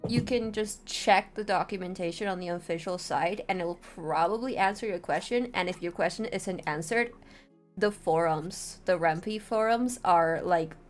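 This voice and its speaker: Over soft background music, a woman streams a laid-back tutorial on creating visual novels, talking informally and frequently checking on her audience. She speaks at a normal pace in a lowish voice.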